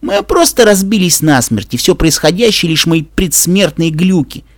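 A man reading a story aloud and voicing a brash, tomboyish young female pegasus pony who scoffs loudly in dramatic outbursts. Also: high voice, animated, moderate pace, no echo, studio quality, pitched above the performer's own voice. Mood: outraged. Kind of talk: audiobook character voice.

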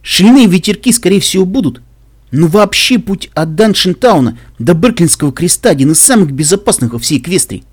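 A man's voice: high-pitched, expressive, fairly quick, slightly rough, no room sound, clean studio sound, voice pushed up. A man voicing a brave, cheerful male pegasus caravan guard in an audiobook, speaking boldly and reassuringly. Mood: hearty.

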